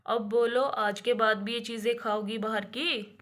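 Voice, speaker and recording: Woman playing a strict dad, lecturing, firm, bright voice. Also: a little high, steady tone, a little slow, voice pushed down. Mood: stern. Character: stern father scolding his daughters. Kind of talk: doll storybook acting.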